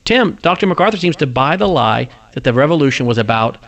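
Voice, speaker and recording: A man's voice: medium pitch, very animated, fast talker, a bit bright. A man hosting a commentary talk show, emphatic and argumentative as he rebuts a recorded clip.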